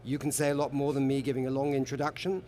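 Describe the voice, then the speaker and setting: A man's voice: mid-range voice, flat delivery, fast talker, warm tone, a little hiss or hum. A man hosting a live broadcast panel, introducing guests in a jovial, chatty way. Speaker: host. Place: lives in Berlin.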